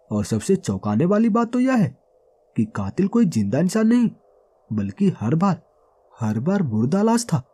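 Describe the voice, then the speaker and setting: A man voicing a grave senior police commissioner in a horror audio story, speaking in a serious, measured way. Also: a little high, mellow, slightly rough, voice pushed down, exaggerated voice.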